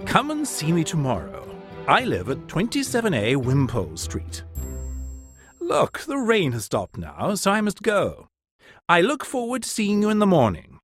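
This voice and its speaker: A man's voice: high voice, wildly swooping pitch, moderate pace, fairly bright tone, husky, dry recording, soft background music, voice pushed up, exaggerated voice. A man voicing a self-assured male professor of phonetics who lectures in a confident, condescending way, in an audiobook reading.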